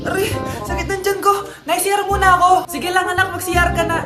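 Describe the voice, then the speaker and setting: A woman with a Filipino accent performs comedy skits in a very high voice, switching between a bratty child and a scolding mother. The room sounds echoey, and loud music plays under her. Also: flat delivery, fairly quick. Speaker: comedy sketch creator. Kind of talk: comedic skits playing several family roles.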